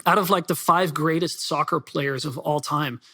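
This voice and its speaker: A man who grew up in the Netherlands and Belgium, a soccer writer being interviewed, talking quickly and casually with fillers and restarts. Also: fairly high pitch, pushed and bright, breathy edge. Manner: fast, chatty, with many fillers and restarts. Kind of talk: podcast interview.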